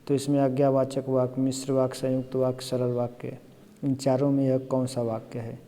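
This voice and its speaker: A man's voice: mid-range voice, completely flat delivery, normal speed, dark tone, in a large hall. A man teaching Hindi grammar for an exam, explaining each answer step by step and often asking "है ना?" to check along. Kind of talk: exam-prep lesson.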